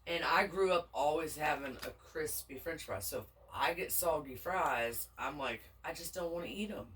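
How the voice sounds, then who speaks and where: A woman's voice: low voice, moderate pace, a bit bright, distant mic, rough recording. A chatty, folksy woman with a Southern US accent talks casually over a meal, laughing easily. She sits a little away from the mic, and a faint hum of background noise runs underneath. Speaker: vlogger, mukbang co-host. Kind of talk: casual chat while eating.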